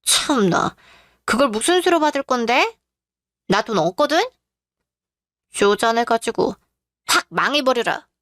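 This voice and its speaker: A greedy, sulky young woman whose whining rises high in pitch, acted by a woman. The sound is dry and close, in a radio drama for listeners. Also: animated, measured pace, long pauses, a bit bright, no room sound. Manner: whiny, sulky. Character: greedy, whiny younger sister-in-law-to-be.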